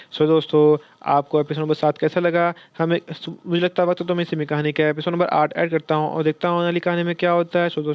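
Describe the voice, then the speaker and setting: Guy reading an audio story, fairly high voice, smooth, super dry close mic. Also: dry recording. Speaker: narrator. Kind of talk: scripted narration of an audio story.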